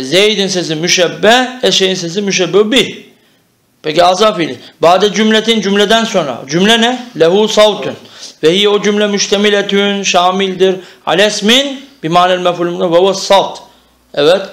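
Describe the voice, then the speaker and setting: A man's voice: high-pitched, fairly bright tone. A man teaching an Arabic grammar lesson, explaining step by step and often checking that the class understands.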